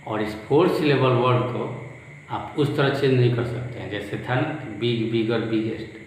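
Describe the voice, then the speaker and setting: A male school teacher with a north Indian accent, giving a classroom grammar lesson and slowly repeating each word form in a drill. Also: mid-range voice, fairly even intonation. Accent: Hindi-speaking north Indian. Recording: very echoey room with long reverb, faint noise.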